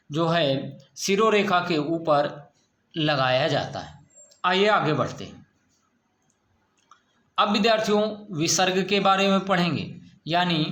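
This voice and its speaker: A man teaching a school grammar lesson, asking questions and answering them himself with slow, drawn-out words. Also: high voice, a bit bright, echoey room.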